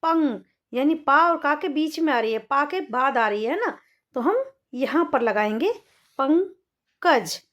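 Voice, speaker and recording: A woman's voice: sits high, animated, moderate pace, fairly bright tone. A woman teaching young children to read, patiently sounding out each word and saying it twice. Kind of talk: children's Hindi reading lesson.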